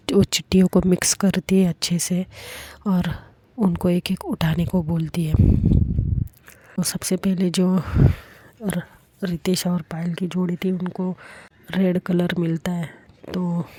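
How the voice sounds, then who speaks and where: A woman narrating a love story in a soft, often half-whispered manner. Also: fairly low pitch, slightly rough, dry recording.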